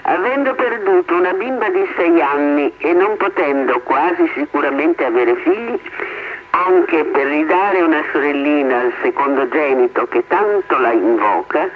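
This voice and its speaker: A man calling into a radio show over the phone, slowly reading out a written question. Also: on the high side. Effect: heard over the phone. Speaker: radio caller. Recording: tinny phone line with noise.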